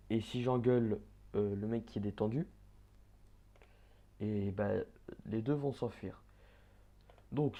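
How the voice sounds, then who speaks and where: A man giving casual gameplay commentary, chatting, swearing and muttering quick orders at the characters on screen. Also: lowish voice, dark tone, husky. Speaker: let's play gamer.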